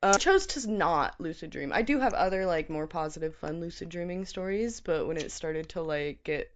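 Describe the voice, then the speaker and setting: A woman chatting casually as a co-host, rambling and halting through her stories with lots of filler words. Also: on the low side, expressive. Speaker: co-host of a challenge show. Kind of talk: casual chat.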